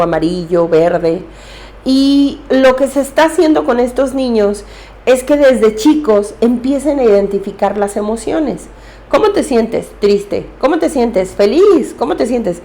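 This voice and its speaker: Female therapist, slightly high pitch, earnest coaching delivery. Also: darkish tone. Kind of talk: advice talk on emotions.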